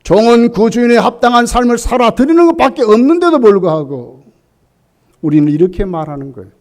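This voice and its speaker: A male pastor with a notably high-pitched voice delivers an emphatic sermon. He presses his points with repeated rhetorical questions that climb in pitch and force. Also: very animated, brisk. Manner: emphatic preaching, rising to loud peaks on repeated questions.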